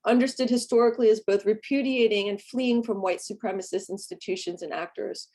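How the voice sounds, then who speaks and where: A woman presenting a scripted conference paper in a formal, measured manner. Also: medium pitch, a little mellow. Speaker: academic presenter.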